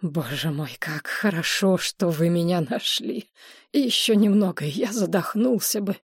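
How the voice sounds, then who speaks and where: A woman voicing a shaken, hoarse male historian who talks slowly and apologetically in an audiobook. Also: on the low side, no room sound, clean studio sound. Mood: hoarse, plaintive. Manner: slow, apologetic, babbling.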